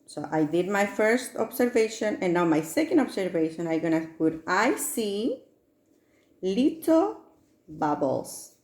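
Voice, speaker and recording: A woman's voice: medium pitch, very animated, moderate pace. A woman with an upbeat, sing-song children's presenter manner, guiding young kids step by step through a science demonstration. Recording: echoey room.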